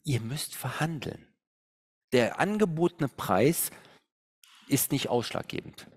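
Animated man storytelling in a property seminar. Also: mid-range voice, slow pace, breathy edge. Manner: animated storytelling, thinking aloud with hums. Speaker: real estate investment coach. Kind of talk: seminar talk with slides.

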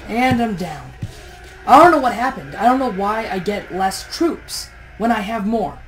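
A woman's voice: medium pitch, animated, a little slow, faint music behind, rough recording. A tired woman with a morning voice, chatting through gameplay commentary on a push-to-talk mic and grumbling in exasperation at how things are going. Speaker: let's play host.

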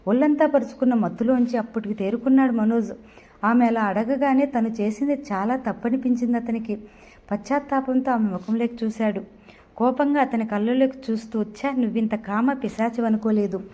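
Woman storyteller, mellow, higher voice, steady audio novel reading. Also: fairly quick.

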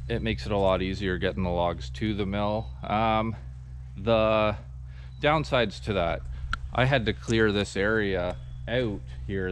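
A man, casually explaining his sawmill setup outdoors in a forest clearing, talking to a camera held at arm's length with plenty of ums. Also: on the low side, a little hiss or hum. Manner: relaxed, rambling explanation with many ums. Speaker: sawmill vlogger. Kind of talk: casual walkthrough vlog.

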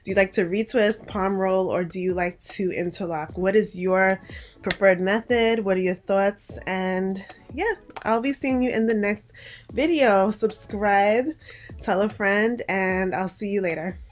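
A woman's voice: medium pitch, measured pace. Woman vlogger, casual chat to camera, rambling and a bit breathless. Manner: rambling, chatty, many restarts and fillers.

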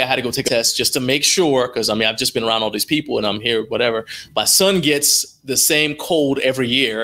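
A middle-aged American guest on a video call interview, himself a live stream producer, tells casual stories colloquially through a headset from his home. His mid-range voice sounds pushed and bright.

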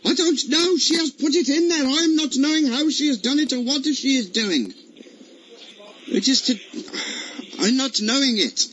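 A confused middle-aged man, fumbling and pleading, talks in broken grammar and rambles on, as a prank caller puts him on. His voice sits high and bright. He repeats himself and loses his thread. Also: lively intonation, normal speed, muffled recording, slight background noise. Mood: baffled.

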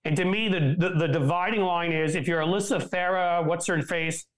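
A man's voice: high-pitched, fairly bright tone, low-quality recording. Blunt, joking middle-aged man. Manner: joking, blunt, profane, quick asides. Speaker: political strategist, guest. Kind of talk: casual political chat.

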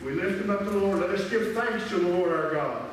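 An older man, a pastor, solemnly leading liturgy and prayer aloud in measured phrases to a congregation. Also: high voice. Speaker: pastor leading a Christmas Eve communion service. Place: large church sanctuary, indoors. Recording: echoing cathedral-like church reverb, distant microphone, faint noise.

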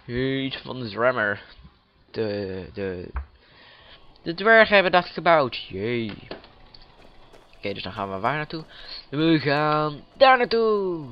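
A man's voice: medium pitch, very animated, slow pace, pauses often. Playful man doing game commentary, lo-fi. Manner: playful, chatty, jokes with the game characters. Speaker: let's play gamer. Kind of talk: casual gameplay commentary.

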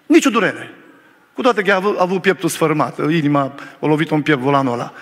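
A man's voice: on the high side, fairly bright tone. A male pastor preaching a sermon to his congregation, telling a story with fervent conviction. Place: church hall during a service. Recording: long reverb of a church hall.

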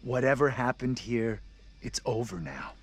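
A man as a skeptical horror game character, calm, mid-pitch voice. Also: moderate pace, faint music behind, close to an everyday voice.

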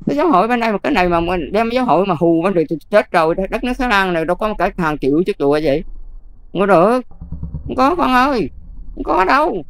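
An older Buddhist nun with a Southern Vietnamese accent, talking casually and emphatically, often checking whether the listener follows. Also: female voice, mid-range voice, very animated, quick pace, slight background noise. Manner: emphatic, keeps checking "see?". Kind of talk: casual advice talk.

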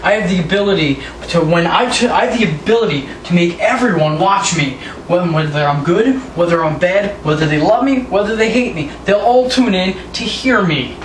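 A high-voiced eighteen-year-old man cutting a backyard wrestling promo, all sarcasm and taunts. He sounds set back from the mic in an echoey room, with steady noise underneath. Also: moderate pace. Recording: roomy, distant, noisy home recording.

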